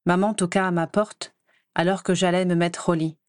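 A woman reading a first-person fan-fiction audiobook in a calm, even storytelling manner. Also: on the low side, moderate pace. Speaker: audiobook reader.

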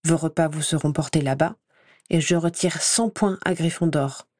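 A woman's voice: low voice, moderate pace, darkish tone. A woman reading an audiobook voices a stern older female professor with a cold, clipped, reproachful manner.

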